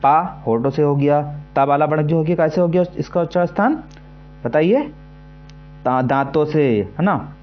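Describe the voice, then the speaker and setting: A man teaching an exam-prep lesson, repeating himself often and slowly sounding out syllables to demonstrate them. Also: on the high side, lo-fi sound, soft background music. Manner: repetitive, keeps asking "है ना" and "ठीक है".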